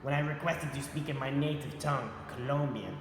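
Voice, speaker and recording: A young man with a mid-range voice plays a streetwise ex-con drug dealer in a student amateur video, swaggering and swearing casually. His delivery is brisk, gruff and lightly acted, recorded far from the mic in an echoey room with music playing.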